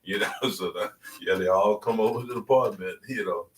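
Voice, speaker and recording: A man's voice: lowish voice, brisk, a crowd in the background. An older man in his seventies from Louisiana with a Southern US accent, telling his stories casually in conversation. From Louisiana, American South. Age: 70s. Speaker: interview guest. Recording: roomy, distant mic, faint background noise.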